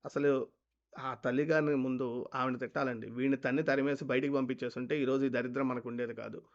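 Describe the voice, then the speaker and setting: A man's voice: medium pitch, steady tone, fast talker. A man commenting on a clip with scornful indignation and pointed rhetorical questions. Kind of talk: critical commentary. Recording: dull lo-fi sound.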